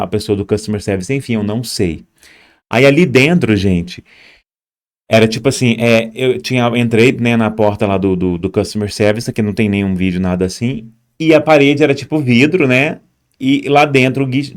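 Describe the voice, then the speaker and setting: A young Brazilian man with a mid-range voice tells viewers his own immigrant story at a moderate pace. Speaking directly to the camera, he points at footage on screen as he shares this personal account.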